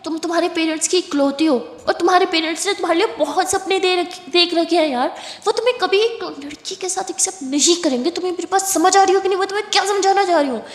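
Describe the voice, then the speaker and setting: A woman's voice: very high-pitched, fast talker, roomy sound, in a large hall, voice pushed up. A woman voicing an earnest, worried young friend who pleads and stammers when put on the spot. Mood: pleading.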